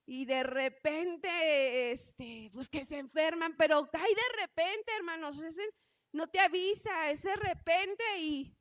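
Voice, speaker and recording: A woman's voice: very high-pitched, takes it slowly, a bit bright, dry recording, clean studio sound. A woman preaching a sermon in an earnest way, often calling out to her congregation as brothers.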